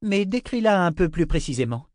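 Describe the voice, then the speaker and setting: A woman's voice: lowish voice, big pitch swings, a little fast, darkish tone, no echo, studio quality, pitched above the performer's own voice. A man voicing a stern, icy woman of a religious order who gives commands coldly. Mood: demanding. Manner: commanding, cold and cutting.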